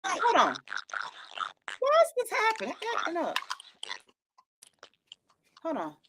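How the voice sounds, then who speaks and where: A woman's voice: very high-pitched, slow pace. A woman chatting casually on an online call whose audio keeps breaking up with echo and static. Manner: chatty, relaxed, slangy. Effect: glitchy call audio breaking up, with echo and static. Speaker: friend on a call.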